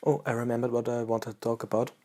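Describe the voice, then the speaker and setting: A native German speaker from Austria, a pipe-smoking vlogger with an Austrian German accent and a medium-pitched voice, chats casually to the camera. He sounds relaxed and halting, pausing mid-sentence.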